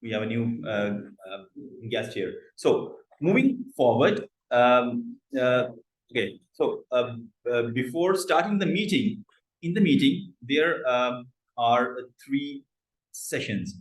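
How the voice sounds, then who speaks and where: Over a video call, a Pakistani man runs an online club meeting as host, speaking slowly and expressively at a medium pitch, with a stammer and many fillers. The low-quality recording is reverberant.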